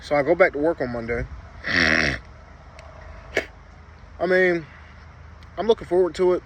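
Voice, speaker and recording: A slightly high-voiced man chats casually to his viewers over noticeable background noise with vehicle sounds. His speech is a little muffled, as from a lip full of dip, and he tells his stories in a loose, rambling, informal way. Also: very animated, a little slow, fairly bright tone. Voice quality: slightly muffled articulation from a lip packed with chewing tobacco. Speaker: vlogger. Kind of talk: casual storytelling chat to camera.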